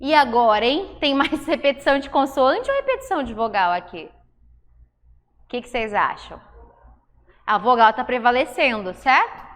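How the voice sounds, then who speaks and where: A woman's voice: high-pitched, big pitch swings, moderate pace, a bit bright. A woman teacher with a Brazilian Portuguese accent, giving a classroom lesson and quizzing her students with questions as she explains. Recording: echoey hall from far off, noisy.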